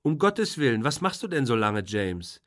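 A man's voice: mid-range voice, big pitch swings, moderate pace, voice pushed up, close to an everyday voice. A man voicing a nosy, humorless woman who gossips and questions her brother insistently. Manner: insistent, know-it-all questioning.

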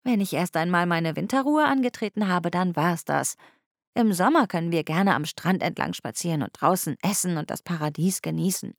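A woman's voice: fairly low pitch, moderate pace, vocal fry, dry recording, clean studio sound. A woman reading an audiobook, voicing a playful, stubborn young woman who protests in a raised, whiny tone. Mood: teasing.

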